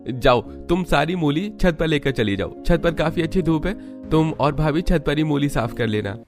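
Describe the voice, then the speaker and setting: A man putting on a shrill, bossy mother-in-law. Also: animated, moderate pace, over music, lightly acted. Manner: shrill, high-pitched falsetto. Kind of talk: cartoon voice acting.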